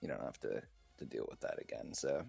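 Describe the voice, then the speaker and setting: Very deep, gravelly male esports analyst. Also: fairly quick, soft background music. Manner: relaxed, analytical, trailing off. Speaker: esports co-commentator. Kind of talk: live game commentary and analysis.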